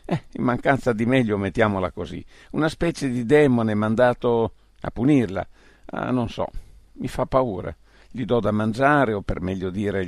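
A man reading the part of a frightened old man in a wheelchair, halting and hesitant, in an audiobook. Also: on the low side, vocal fry, a little mellow, no room sound, studio quality.

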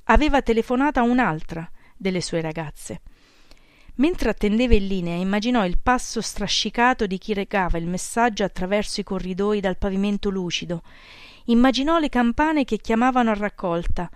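A woman's voice: medium pitch, no echo. Woman narrating an audiobook, dry sound. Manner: measured, steady reading.

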